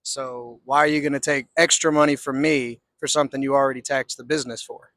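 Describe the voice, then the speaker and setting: A man's voice: mid-range voice, fairly even intonation, fairly quick, fairly bright tone, no room sound. A man from Texas with a Southern accent, chatting casually in a street interview in a folksy, hesitant way. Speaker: interviewee, construction laborer.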